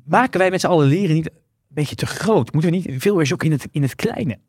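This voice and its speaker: A man hosting a podcast interview, asking questions in a measured way. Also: on the high side, lively intonation, a little mellow, breathy edge, no echo, studio quality. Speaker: podcast host.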